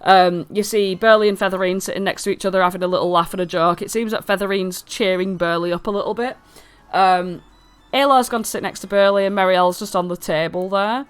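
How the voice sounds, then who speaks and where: A woman's voice: mid-range voice, fairly even intonation, a little fast, clear, resonant tone. A woman improvising casual narration in a tabletop role-playing game.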